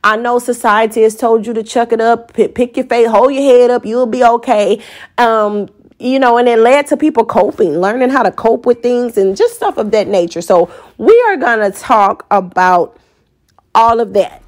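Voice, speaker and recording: With faint music playing behind her, a podcast host in her 40s with an American accent gives an unscripted, candid and colloquial personal monologue. She speaks at a normal speed in a slightly high voice.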